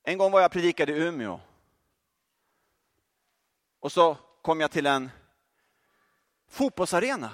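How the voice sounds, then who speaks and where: A male preacher giving a lively sermon, joking and speaking directly to the congregation. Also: fairly high pitch, pauses often. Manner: animated, joking, addresses audience directly.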